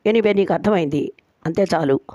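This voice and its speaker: A woman's voice: on the low side, a little fast, warm tone, no room sound, dull audio, close to an everyday voice. A woman storyteller voicing a boastful, playful young man who agrees to every condition.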